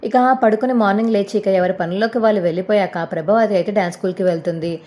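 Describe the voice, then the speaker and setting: A woman narrating a serial episode recap in a brisk, conversational way. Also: mid-range voice, steady tone, warm tone.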